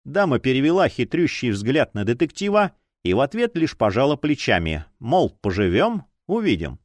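A man reading a dark fantasy audiobook with expressive, scripted narration and dramatic, varied delivery. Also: medium pitch, moderate pace, dry recording.

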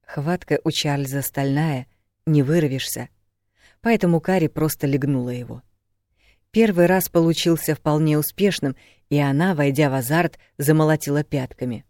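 A man reading a romance audiobook in an even storytelling manner. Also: a little high, moderate pace, no echo, clean studio sound. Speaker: audiobook narrator. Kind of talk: scripted narration.

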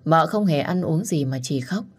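Low-voiced young woman narrating. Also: expressive, moderate pace, breathy edge. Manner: plain, reflective. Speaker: storyteller. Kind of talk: first-person story narration.

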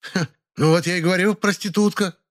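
A man voicing a sharp-tongued, mocking older woman who trades insults. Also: sits high, fairly even intonation, brisk, voice pushed up, close to an everyday voice. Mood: mocking, angry.

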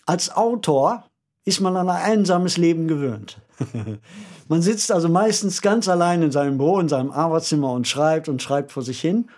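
A podcast co-host who is also an author talks through a radio play in conversation, telling it in an emphatic, reflective, story-like way. His voice is fairly high and a little mellow, animated, and moves at a normal speed.

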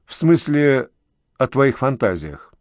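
A man voicing a grieving older uncle, halting and emotional in an audiobook. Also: medium pitch, sing-song, no echo, studio quality. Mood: suspicious.

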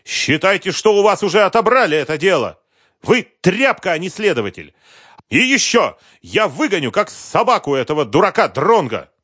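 A man voicing an enraged middle-aged businessman who yells accusations at an investigator. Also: sits high, very animated, moderate pace, husky, dry recording, studio quality, pitched above the performer's own voice, heavily acted. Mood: furious shouting. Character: furious middle-aged male businessman, shouting, bullying.

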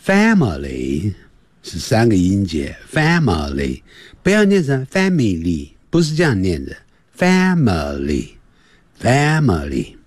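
A man teaching English on the radio, explaining grammar and drilling pronunciation with slow, repeated words in a playful, lively manner. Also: fairly low pitch, slightly rough, no room sound.

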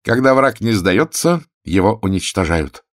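A man's voice: lowish voice, sing-song, unhurried, dry recording, clean studio sound, voice pushed up. A man reading aloud and voicing a bossy teenage girl who speaks offhandedly in a storybook reading. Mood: eager. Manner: offhand, then eager.

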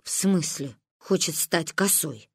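A woman voicing a weary, worried mother who speaks low and tired. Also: slow, slightly rough, no echo, clean studio sound. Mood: calm, worried.

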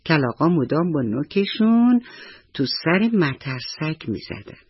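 A man's voice: on the high side, sing-song, slightly rough, no room sound, muffled recording. A male storyteller narrating a bedtime story on the radio, talking directly to the children listening. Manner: warm address to children. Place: radio studio.

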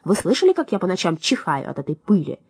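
A woman's voice: lowish voice, very animated, fast talker, a little mellow, a little hiss or hum. A woman voicing a bossy male bird who commands a band of mice in a storybook, speaking in a stern, commanding way.

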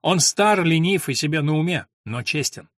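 A man's voice: a little high, lively intonation, normal speed, a bit bright, no room sound, studio quality. A man voicing a calculating, commanding noblewoman who coaches her son, in a firm, instructive manner. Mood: plain.

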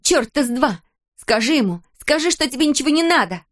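A woman voicing a furious, defiant teenage girl who snaps and half-shouts in a high voice. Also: animated, brisk. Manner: shouting, sharp.

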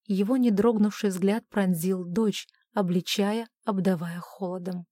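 A woman reading a romance novel aloud as an audiobook narrator, measured and even. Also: mid-range voice, no room sound, studio quality.

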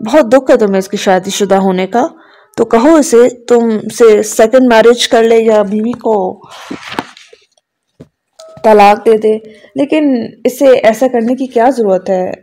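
A woman's voice: medium pitch, steady tone, mellow, close to an everyday voice. A woman voicing a bitter, angry young husband who speaks in a curt, contemptuous way. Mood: cold contempt.

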